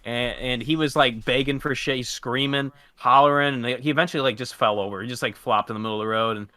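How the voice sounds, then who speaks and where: A man's voice: mid-range voice, fairly even intonation, fast, bright, forceful tone, dry recording. A young man telling a story in a casual podcast chat, hesitant and stammering. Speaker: podcast co-host.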